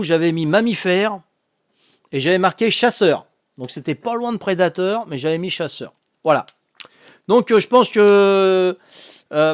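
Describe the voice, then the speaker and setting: A man with a Corsican French accent hosting a casual family quiz, chatty and quick to laugh as he reads out the answers. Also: sits high, no room sound, clean studio sound. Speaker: quiz host.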